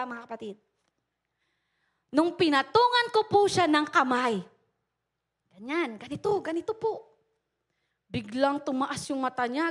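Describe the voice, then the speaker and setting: A woman pastor with a very high-pitched voice. She preaches in an animated storytelling way, turning often to address the congregation. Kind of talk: testimony sermon.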